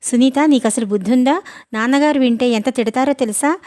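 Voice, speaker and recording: Woman doing a fussy middle-aged mom, kinda high pitched, storybook wife. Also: a little fast, mellow, no echo, clean studio sound, close to an everyday voice. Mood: scolding. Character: middle-aged housewife, fond, easily flustered mother.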